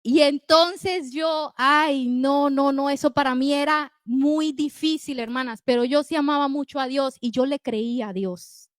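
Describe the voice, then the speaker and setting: A middle-aged woman delivers an emphatic, story-driven sermon in a high voice. She speaks directly to her listeners. The recording is dry and close, with no room sound. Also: unhurried, hardly any pauses, no room sound. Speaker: preacher.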